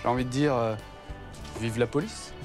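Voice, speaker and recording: An actor playing a teasing, slightly jealous friend with an ironic manner. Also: male voice, medium pitch, steady tone, normal speed, lightly acted. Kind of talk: sitcom acting. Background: background music.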